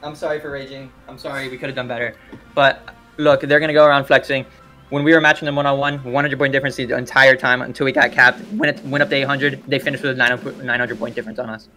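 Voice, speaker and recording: A young man commanding his regiment over voice chat, repeating orders and swearing, shouting when excited. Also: medium pitch, fast, faint music behind. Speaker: regiment commander leading players. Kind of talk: live voice chat during an online battle game.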